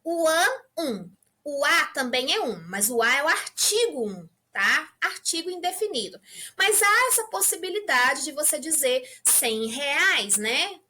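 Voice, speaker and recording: High, lively Brazilian woman teaching. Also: unhurried. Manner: patient, checks in with the class constantly. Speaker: English teacher. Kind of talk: language lesson for beginners.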